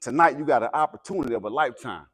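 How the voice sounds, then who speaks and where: Racing along in a mid-range voice with a breathy edge, an American man gives a pregame pep speech as a visiting motivational speaker. He preaches with emphasis, building from calm words to loud exhortation.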